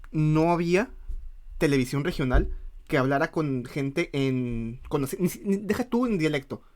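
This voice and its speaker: A man's voice: a little high, darkish tone. A man with a Mexican accent, co-hosting a casual podcast chat and often restarting his sentences as he thinks aloud. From northern Mexico. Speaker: podcast co-host.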